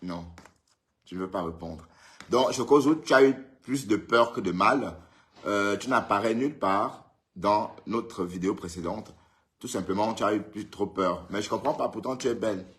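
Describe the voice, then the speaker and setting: A man's voice: on the low side, moderate pace, fairly bright tone. Chatty man, teasing live viewers. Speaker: livestream host. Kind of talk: casual live stream chat, answering viewers' comments. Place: indoors, at home in Europe.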